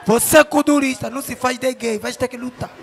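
A male comedian, doing a crude, mocking stand-up roast that switches between shouting and sing-song teasing. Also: very high voice, steady tone, fairly quick, a faint crowd.

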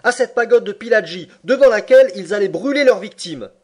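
A man doing an excitable young French manservant. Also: fairly high pitch, moderate pace, slightly rough, voice pushed up. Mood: indignant. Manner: impetuous outbursts. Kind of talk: audiobook character reading.

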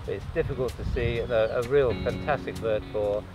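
Man, birdwatching journalist, measured, enthusiastic, outdoor interview, music underneath. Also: mid-range voice, poor audio. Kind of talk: interview answers.

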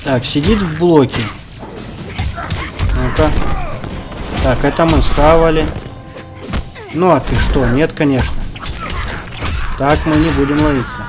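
A man's voice: fairly high pitch, a little slow, long pauses. A man giving casual gameplay commentary, muttering running remarks to his opponent as he plays. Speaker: gamer commentating own online matches. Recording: game music behind the voice. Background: fighting game music and sound.

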